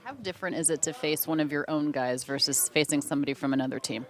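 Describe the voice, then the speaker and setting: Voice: medium pitch, quick pace. A reporter asking a player questions in a clubhouse, conversational. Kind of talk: interview questions.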